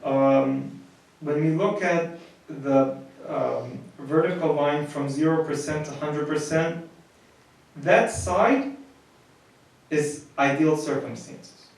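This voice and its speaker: A man's voice: fairly high pitch, takes it slowly, gravelly, a little mellow. A man, a priest, giving a conversational marriage lecture and often repeating words as he restarts. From United States. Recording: very echoey, from far off the mic.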